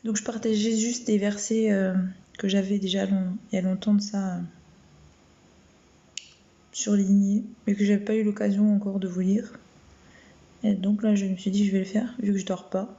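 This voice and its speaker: A woman with a gentle, warm voice chats on a late-night live stream from home, speaking in an even tone that barely rises or falls. She talks hesitantly, with many fillers and restarts. The phone recording sounds a little dull and muffled. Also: mid-range voice, normal speed, long pauses. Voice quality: soft, warm voice. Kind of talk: casual live-stream chat and Bible reading.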